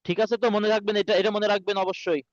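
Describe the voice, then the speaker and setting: A high-pitched man teaches an online class in Quran pronunciation, drilling each letter and repeating it slowly. The sound is dry and a little dull, as over a video call. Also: little pitch movement, no room sound.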